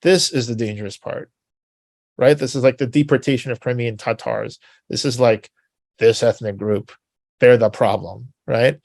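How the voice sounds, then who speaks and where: A man with a gravelly, creaky voice talks through history in a loose, rambling way, often checking in with tag questions. His voice is recorded dry and close, with no room sound. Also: medium pitch, steady tone, normal speed, darkish tone, no echo. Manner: rambling and conversational with many filler words and tag questions. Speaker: presenter. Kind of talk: informal spoken history talk.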